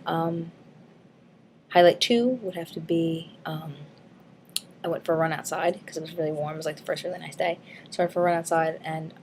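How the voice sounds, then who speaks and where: A woman's voice: low-pitched, steady tone, brisk, a little mellow, a little hiss or hum. A woman vlogger chatting casually and frankly in a weekly update, rambling with many ums and likes and the odd swear word. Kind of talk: casual weight-loss update vlog.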